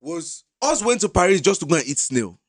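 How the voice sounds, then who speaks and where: A man's voice: on the high side, big pitch swings, fairly quick, dry recording, clean studio sound. A man, co-hosting a casual podcast, teasing and playful with a mock-preachy streak. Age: 30s. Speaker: podcast co-host. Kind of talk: casual banter.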